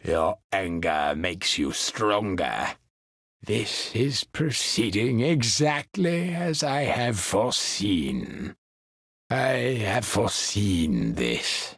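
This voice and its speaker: A man playing a sinister, gloating old emperor in a video game, with a raspy, croaking voice and a menacing, theatrical drawl. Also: sits low, a bit bright, dry recording, clean studio sound, full character voice. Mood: cold, scheming. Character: sinister, gloating old male galactic emperor, cruel and imperious. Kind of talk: video game villain acting.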